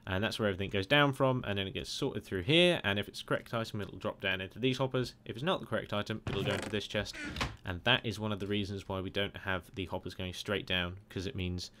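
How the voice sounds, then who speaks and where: A man's voice: on the low side, fast talker, hardly any pauses, noisy background. A man casually narrating a game tutorial over a screen recording, chatty and rambling with lots of "uh"s. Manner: rambling, chatty, many filler "uh"s.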